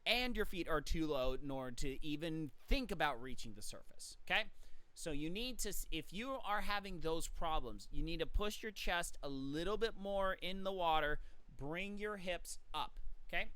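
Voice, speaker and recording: A man's voice: a little high, animated, moderate pace, bright, forceful tone, clean tone. A man giving casual swim coaching instructions, chatty and direct, counting out kicks aloud as he explains drills.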